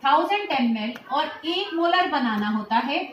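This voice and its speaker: A woman teacher with a high voice explains a lab procedure step by step in a school chemistry lab. She talks patiently and keeps checking that her students follow along. The room gives her voice a clear echo. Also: animated, a little slow, dull audio, a little hiss or hum. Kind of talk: hands-on lab demonstration. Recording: roomy echo.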